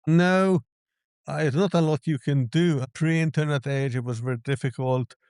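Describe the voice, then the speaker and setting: Smooth-voiced man. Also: fairly high pitch, normal speed, a little mellow, no room sound, clean studio sound. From Hungary. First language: Hungarian. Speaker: app developer, guest. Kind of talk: interview answers.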